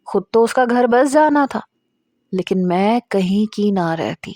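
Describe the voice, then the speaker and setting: A woman's voice: mid-range voice, expressive, mellow, dry recording, clean studio sound. A woman narrating a first-person romance novel in a confiding storytelling manner. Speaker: audiobook narrator.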